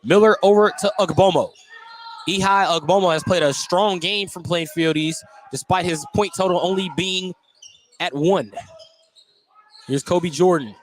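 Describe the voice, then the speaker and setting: An American man gives live radio play-by-play as a basketball announcer in an indoor high school gym. His voice is high-pitched and at normal speed. The live gym broadcast is clearly noisy.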